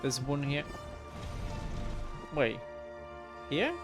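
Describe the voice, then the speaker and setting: A man's voice: fairly high pitch, animated, normal speed, over music. A man hosting a casual video game playthrough, reading game text aloud with offhand, wry asides. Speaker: gaming host.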